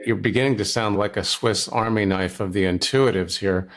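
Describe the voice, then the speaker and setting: Speaking at a moderate pace in a fairly low voice, a man runs an interview podcast. His questions are inquisitive and conversational, with a bit of playful humor mixed in.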